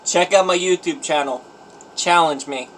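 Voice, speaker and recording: A man's voice: on the high side, normal speed, fairly bright tone, a little hiss or hum, rough recording. A man filming an eating challenge vlog at home on a phone, groaning and complaining in an exaggerated, self-pitying way as he eats. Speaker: vlogger.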